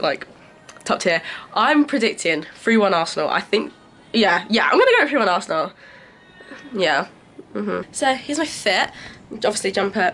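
A young woman with a cold, vlogging casually and excitedly with lots of fillers. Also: medium pitch. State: has a cold. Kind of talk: casual match-day vlog. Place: train stations and streets in a city. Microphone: phone held in hand while filming. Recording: phone vlog with crowd and street noise. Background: busy crowds and traffic noise.

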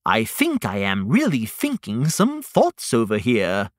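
A man voicing an excitable, theatrical hedgehog art student with grand, emphatic delivery for a children's storytime podcast. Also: on the low side, a little slow, no room sound, clean studio sound, pitched below the performer's own voice. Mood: pondering. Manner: dramatic, grandly emphatic, stretching key words.

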